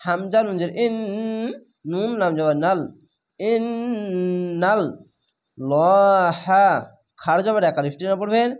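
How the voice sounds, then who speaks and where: A man teaching Quran reading, spelling out letters one at a time and then stretching each recited word out slowly. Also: sits high.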